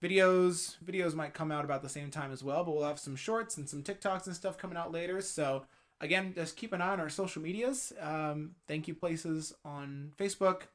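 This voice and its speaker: A man's voice: fairly high pitch, normal speed. A man co-hosting a theater podcast in casual chat, rambling and laughing often. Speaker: podcast co-host.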